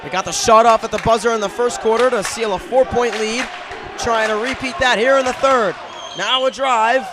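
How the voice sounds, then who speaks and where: A man calling live basketball play-by-play in a crowded school gym, with rapid, clipped calls shouted over the crowd. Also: very high-pitched, steady tone. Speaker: play-by-play announcer. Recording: loud gym crowd and noise.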